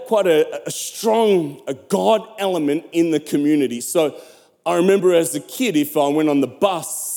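A pastor from South Africa preaches with a high voice, stretching key words and urging the crowd on. His voice rings through a church hall with a long, trailing reverb. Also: a little mellow. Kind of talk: sermon.

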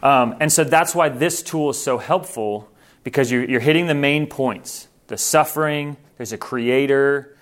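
A man who grew up in Thailand leads a missionary training session in an earnest, conversational way. He often restarts his sentences while he explains his points. His voice sits at an ordinary middle pitch. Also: unhurried. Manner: earnest, informal, self-correcting.

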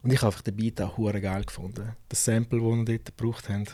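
A man's voice: fairly low pitch, level tone, fast, warm tone, breathy edge. A man in his thirties with a Swiss German accent, hosting a podcast with friendly, easygoing questions. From Switzerland. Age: 30s. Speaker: podcast host. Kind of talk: casual podcast interview.

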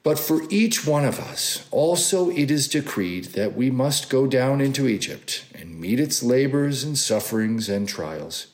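A man reading a religious text aloud in a formal, deliberate and solemn manner. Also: mid-range voice. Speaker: scripture and homily reader.

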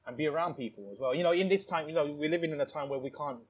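A man's voice: on the high side, rapid-fire, slightly rough, poor audio. A man from Thailand who owns a restaurant, talking in a casual interview with many restarts and "you know"s. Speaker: restaurant owner. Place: his restaurant, indoors.

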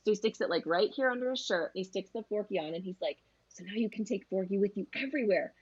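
A woman's voice: medium pitch, lively intonation, fast, slightly rough, highs cut off. A woman in her thirties, a travel agent guest, chatting casually and acting out quotes as she tells stories. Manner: chatty storyteller who acts out quotes. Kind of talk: casual chat.

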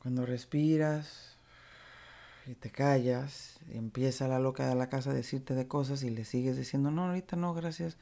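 A Mexican woman with a low voice shares a reflective motivational talk on recovery. Her tone is mellow and soft-edged. She speaks with candid, earthy directness, moving between gentle encouragement and casual profanity. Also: flat delivery, moderate pace.

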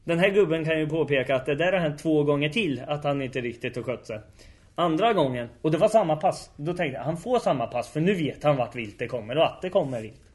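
Chatty man spinning hunting anecdotes. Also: a little high. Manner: lively storyteller with many fillers. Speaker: hunt organizer telling stories. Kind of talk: casual anecdote-telling.

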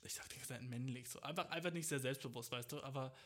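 A man's voice: mid-range voice, fast, a bit bright. A young man hosting a podcast, telling a rambling comic monologue full of slang and English swear words, laughing at his own jokes. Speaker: podcast host. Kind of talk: casual comedic podcast monologue.

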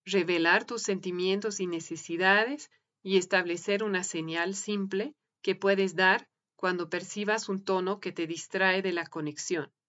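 A woman giving a slow, gentle, measured reading of a written piece. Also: mid-range voice, steady tone, dull audio. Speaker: reader of translated articles. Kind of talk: calm scripted reading.

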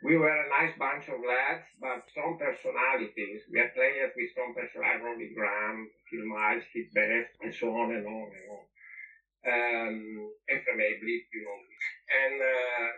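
A man's voice: mid-range voice, fairly even intonation, moderate pace, sharp tone, recorded from a distance. A non-native English-speaking man, a former goalkeeper, looks back on his playing days in an interview. He is emphatic and repeats key phrases. His voice sits back from the mic in a roomy space, with a slightly dull tone. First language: not English. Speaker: former football goalkeeper, guest. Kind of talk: reminiscing interview.

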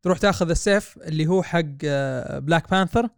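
A man talks in a blunt, ranting way on a casual podcast. He rattles along very fast in a somewhat high voice. The room is dry and close. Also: creaky, smooth, no echo. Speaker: podcast co-host. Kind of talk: casual chat.

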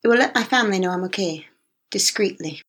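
A woman voicing a composed young nurse who speaks with an English accent and crisp, precise diction. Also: mid-range voice, fast, fairly bright tone. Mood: earnest.

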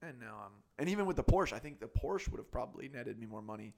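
Man, podcast host, mid-pitched voice, casual car chat, self-deprecating, laughs a lot. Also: quick pace, vocal fry. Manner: self-deprecating, laughs often, animated asides.

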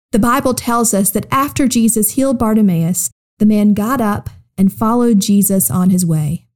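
A woman in her thirties hosting a children's podcast, gently narrating a Bible story and speaking directly to young listeners. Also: mid-range voice.

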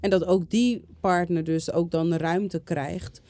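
A mother in casual conversation, calm and affirming, often answering with a short "ja". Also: on the low side, slow, dry recording.

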